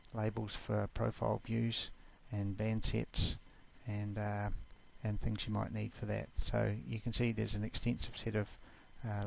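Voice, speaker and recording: In an easygoing screencast, a man from New Zealand, speaking with a New Zealand accent, walks through a software class informally. His voice is fairly low and gravelly.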